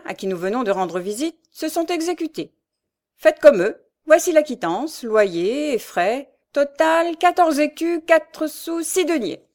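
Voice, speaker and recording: A woman's voice: high voice, a little mellow, voice pushed up. A woman voicing a fat, self-important male bailiff in an audiobook, grave and formal. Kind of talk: audiobook character voice.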